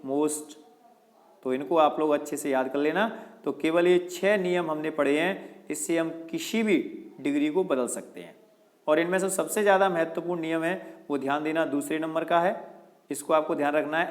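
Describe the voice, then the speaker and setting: Male teacher, slightly high voice. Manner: explains step by step, asking and answering his own questions. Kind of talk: grammar lesson.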